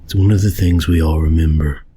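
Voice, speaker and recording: A man narrating a scary first-person story as a hunted survivor, in a haunting, grave and measured way. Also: a bass voice, fairly even intonation, dark tone, slightly rough, no echo. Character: haunted, fearful survivor hunted by unseen beings.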